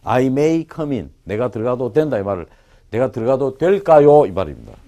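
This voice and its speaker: Animated male English teacher lecturing. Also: mid-range voice, moderate pace. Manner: animated and joking, quizzes the class. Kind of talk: lively classroom lecture.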